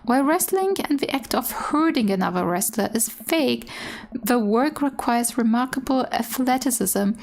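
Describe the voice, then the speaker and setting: A woman's voice: on the high side, expressive, moderate pace, creaky, a little mellow, slight background noise. A woman gaming streamer reading game dialogue aloud with casual, candid asides, sometimes stumbling over the words. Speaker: gaming streamer doing a let's play.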